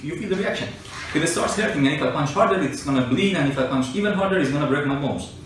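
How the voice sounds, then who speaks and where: This man's voice sits on the high side, with lively intonation and a fast delivery. Calling himself an engineer and scientist, he explains things informally and argumentatively to a listener, working through everyday examples. The recording has an echoey room, a distant mic, and faint noise.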